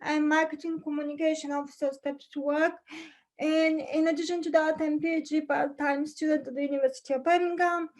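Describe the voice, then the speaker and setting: High-voiced young woman from Bulgaria. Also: flat delivery, rough recording. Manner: careful, slightly halting delivery with fillers. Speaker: conference speaker. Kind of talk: presenting slides in a talk. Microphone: video call.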